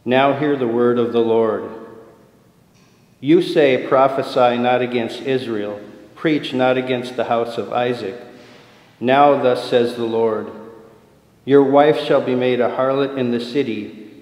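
A man reads scripture at Mass in a measured, formal cadence. His voice sits at an ordinary pitch for a man, and the cathedral echo carries each phrase away with a long reverb tail. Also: fairly even intonation, a little mellow. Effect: cathedral echo, long church reverb. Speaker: deacon reading at Mass. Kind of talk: liturgical scripture reading. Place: large church. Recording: echoey large church with long reverb.

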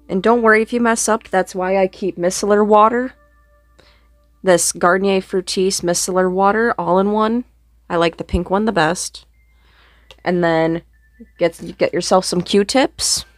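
A young makeup vlogger with a lowish, slightly sore voice chats casually and self-deprecatingly through her get-ready-with-me routine. She records in a small bedroom against a red curtain, close to a boom-arm desk mic, with no echo.

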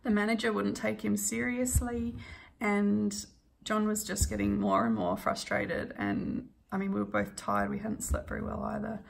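A woman with a deeply gravelly, creaky voice at a middling pitch tells a story in a relaxed, chatty way. She laughs often and fills her pauses with ums as she stitches at home. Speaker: cross stitch vlogger. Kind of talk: casual storytelling while stitching.

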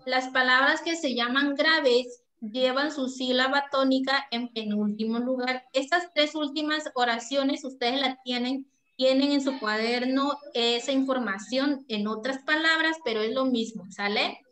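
Lady teacher on a video call, high voice, kinda echoey, keeps asking "¿sale?". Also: measured pace, hardly any pauses, fairly bright tone. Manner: affectionate, checks in with "¿sale?". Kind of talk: online class.

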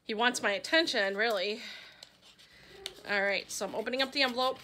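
Middle-aged woman vlogger from Wisconsin, high and bright voice, gushing casual chat. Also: a little fast, a little hiss or hum. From Wisconsin, USA. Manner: gushing, chatty, talks to her pet. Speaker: vlogger opening fan mail.

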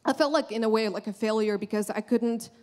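A woman's voice: fairly high pitch, brisk, darkish tone. Earnest young woman preaching to a church. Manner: earnest, conversational, with frequent restarts. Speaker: church speaker. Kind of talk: sermon. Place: large church stage, indoors. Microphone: handheld microphone.

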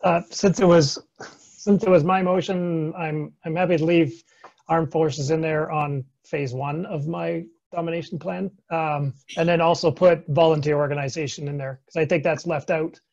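A man's voice: fairly high pitch, fairly even intonation, moderate pace, creaky, a little mellow. A man on a council video call, speaking about his motion with a wry, joking manner. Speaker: council member. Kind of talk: meeting discussion. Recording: dull video-call audio.

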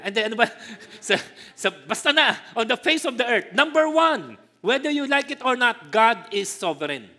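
A middle-aged Filipino man preaching a lively sermon in Tagalog and English, joking with the congregation and calling for amens. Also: extremely high pitch. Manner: lively, jokes with the congregation, calls for "Amen". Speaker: pastor.

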